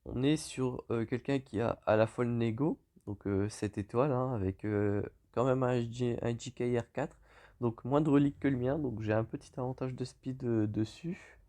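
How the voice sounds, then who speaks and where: A French-accented gaming YouTuber gives relaxed commentary on his game at a normal speed in a medium-pitched voice. He hesitates often and corrects himself as he goes.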